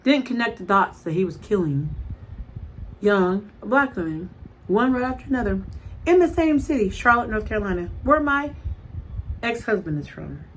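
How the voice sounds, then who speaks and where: A woman's voice: mid-range voice, sing-song, moderate pace. A middle-aged woman chatting casually and in a rambling way to the camera as a vlogger, blunt and emphatic, often repeating herself. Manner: blunt, emphatic storytelling with repetition. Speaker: mukbang vlogger. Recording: clearly noisy home recording.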